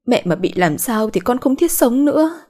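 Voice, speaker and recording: A woman's voice: medium pitch, animated, fairly quick, mellow, slightly rough, pitched above the performer's own voice. A woman voicing a tearful, spiteful young daughter who wails and accuses. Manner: wailing, accusing.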